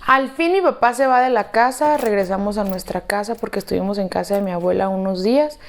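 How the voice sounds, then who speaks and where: A woman with a Mexican Spanish accent narrates a storytime in a confiding, dramatic tone, speaking to the listener like a close friend. Her voice sits at an ordinary middle pitch, with soft music faintly underneath. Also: a little fast. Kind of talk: storytime narration over slime video.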